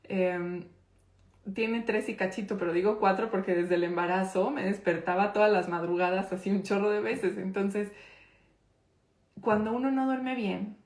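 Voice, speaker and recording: A woman in her thirties with a Mexican accent, teaching an informal online class in a conversational way and slowing down to stress her points. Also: medium pitch, fairly even intonation, darkish tone. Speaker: course instructor. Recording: roomy echo.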